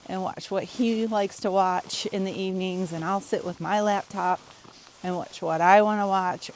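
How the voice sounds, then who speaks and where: Speaking to her viewers directly, a relaxed, chatty woman in her fifties who works as a health coach records a casual vlog outdoors, on her home patio and out on a walk. Her pitch is fairly low. A slight background noise can be heard.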